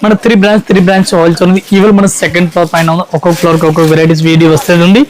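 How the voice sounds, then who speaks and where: A man's voice: high-pitched, little pitch movement, rapid-fire, low-quality recording. A man showing sarees in a shop, with a repetitive sales patter. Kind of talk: product showcase pitch.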